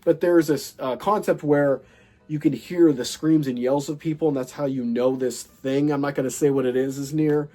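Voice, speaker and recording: Showing off a film haul in a casual chat, this man sounds congested and nasal because of a cold. His fairly high, mellow voice keeps fairly even intonation at a moderate pace, though he rambles with excitement, filling gaps and restarting often.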